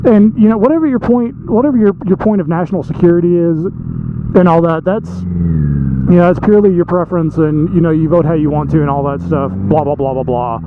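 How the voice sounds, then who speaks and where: A man's voice: high-pitched, quick pace. A man rambling and thinking aloud in a casual, emphatic vlog monologue, speaking inside a helmet as he rides a motorcycle. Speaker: motovlog host. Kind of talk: casual opinionated monologue while riding a motorcycle. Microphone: microphone inside a motorcycle helmet. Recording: muffled helmet mic, thin band, loud engine and road noise.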